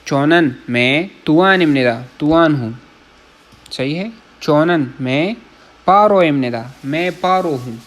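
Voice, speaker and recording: A man from Pakistan, teaching Korean vocabulary in a casual lesson. He reads each word, repeats it, glosses it in Urdu and keeps checking that listeners follow. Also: on the high side. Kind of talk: casual classroom-style lesson.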